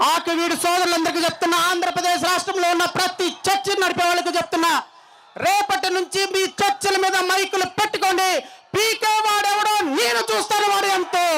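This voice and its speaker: Against a noisy background, a man with an Andhra Telugu accent and an extremely high-pitched voice delivers a fiery political speech from a stage. He is combative and threatening at this rally, repeating phrases for emphasis.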